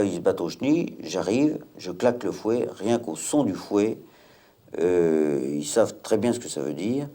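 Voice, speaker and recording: A hunting-pack master from Maine-et-Loire, France, explains things in a documentary interview. His voice is low-pitched and mellow, and he keeps a measured pace with frequent hesitations.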